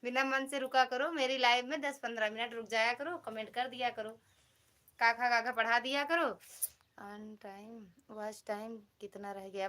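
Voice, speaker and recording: Brief: woman from Uttar Pradesh with an Awadhi lilt, bright and tense, playfully scolding viewers on her live stream. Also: a little high. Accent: Awadhi-flavoured Hindi. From Uttar Pradesh, India. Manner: teasing, chatty, reads out and thanks commenters.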